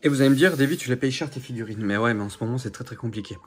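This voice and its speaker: A man's voice: mid-range voice, rapid-fire, slight background noise. A man casually showing his figure collection to camera, chatty and rambling, full of fillers and repeats. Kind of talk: casual unboxing chat to camera.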